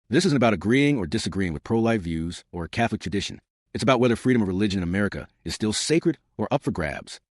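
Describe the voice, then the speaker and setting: A man narrates scripted political commentary in a low register, moving quickly with lively swings of pitch. His phrasing is punchy and dramatic, as a channel host would deliver it, and the recording is close and dry. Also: no echo. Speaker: YouTube news commentary host.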